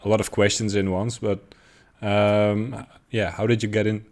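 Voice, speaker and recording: A man's voice: lowish voice, flat delivery, normal speed, darkish tone. A man hosting a casual interview, asking questions with lots of hesitations and fillers. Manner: hesitant, many fillers and restarts, laughs along. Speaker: host.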